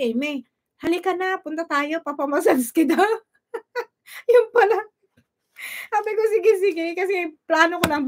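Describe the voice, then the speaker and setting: Woman, high voice, from the Philippines, casual vlog chatter, reads shout-outs. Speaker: vlog host commenting on a video. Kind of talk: casual live commentary.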